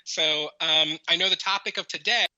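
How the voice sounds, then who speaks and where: A male podcast host rambles through his questions with restarts and fillers. His voice is very bright and edgy and sits a little high. The sound is dry and a bit dull. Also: normal speed, dry recording. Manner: rambling, many fillers and restarts, sudden high laughing bursts. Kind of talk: casual interview hosting.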